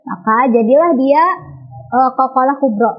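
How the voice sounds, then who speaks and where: A high-pitched woman with an Indonesian accent gives a children's lesson, patiently repeating and modeling each sound. The recording is dull and lo-fi. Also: moderate pace. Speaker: Quran recitation teacher.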